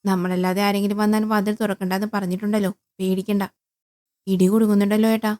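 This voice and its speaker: A woman voicing an anxious young mother stuck on a dark road, pleading and fretful. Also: medium pitch, flat delivery, quick pace, lightly acted. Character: worried young mother stranded at night.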